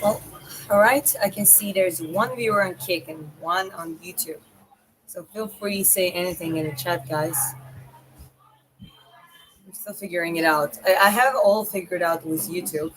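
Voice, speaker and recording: A woman with a Georgian accent and a slightly low voice talks casually to a livestream chat. She thinks aloud in a halting, informal way, with noticeable noise behind her. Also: a bit bright, poor audio. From Georgia (country). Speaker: live streamer. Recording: clear background noise.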